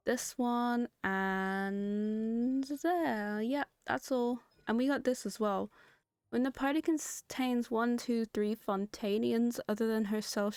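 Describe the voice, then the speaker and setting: A hoarse woman hosting a gaming video, giving chatty, giggly commentary with sudden high excited jumps. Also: no echo, studio quality. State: hoarse, has lost her voice. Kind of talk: casual gameplay commentary.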